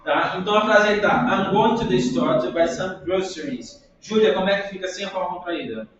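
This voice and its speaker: A male English teacher leads his class with upbeat energy, drilling pronunciation and calling on students by name. His voice sits fairly high and sounds distant and muffled, with heavy classroom echo. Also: fairly quick, fairly bright tone, slight background noise.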